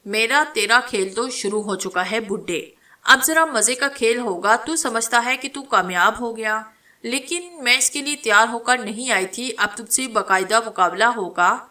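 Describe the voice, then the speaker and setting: A woman reading the lines of a vengeful female witch spirit in a dramatic story, taunting and giving rough commands. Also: a little high, pushed and bright.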